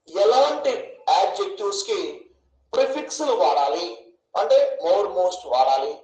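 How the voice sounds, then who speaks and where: High-voiced, lively man teaching grammar. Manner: asks questions and answers them himself; stretches words out syllable by syllable. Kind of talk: online class lesson. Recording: echoey room.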